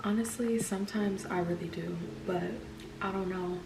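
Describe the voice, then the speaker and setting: A woman's voice: mid-range voice, fairly even intonation, normal speed, gravelly. A woman in her twenties doing a casual, slangy, sweary question-and-answer chat over a meal. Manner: informal, slangy, frequent swearing. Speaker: YouTuber answering viewer questions. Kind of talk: casual mukbang Q&A chat while eating. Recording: roomy echo with background music.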